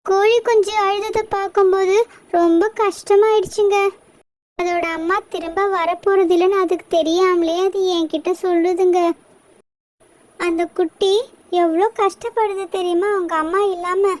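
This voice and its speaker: Brief: woman doing a soft-hearted cartoon wife, high voice, earnest and pleading. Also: level tone, moderate pace. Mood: gentle pleading. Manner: gentle, pleading. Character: kind caring adult woman, hunter's wife.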